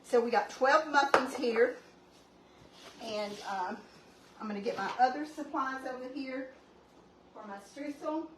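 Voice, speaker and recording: At home in an echoey kitchen, a talkative woman with a drawl demonstrates a recipe casually, drifting into homey side remarks. She hosts a home cooking channel, her voice high-pitched and unhurried with long pauses. The mic sits a few steps away, and a steady background noise runs beneath her in this roomy, distant home recording.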